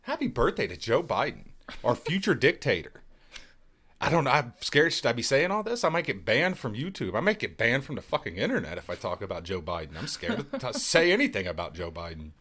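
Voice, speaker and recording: Sarcastic podcast host with a lively voice. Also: male voice, mid-range voice, fairly quick. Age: 30s. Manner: sarcastic, joking, swears freely. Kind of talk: casual live podcast chat.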